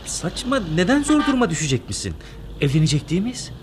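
A man's voice: mid-range voice, sing-song, fast talker, background noise, natural voice. An actor playing an earnest young man in love in a radio drama, emphatic and frank. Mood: upset.

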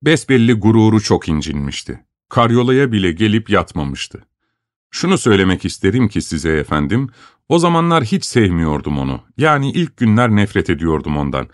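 A man reading a first-person story aloud in an expressive, measured storytelling manner. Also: on the low side, dry recording, studio quality. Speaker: narrator.

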